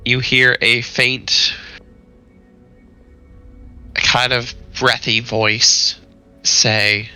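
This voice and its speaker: Male game master, slow and hesitant, bright tone, faint music behind. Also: mid-range voice, level tone, clear, resonant tone. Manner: hesitant, halting, restarts. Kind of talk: narrating a tabletop game over voice chat.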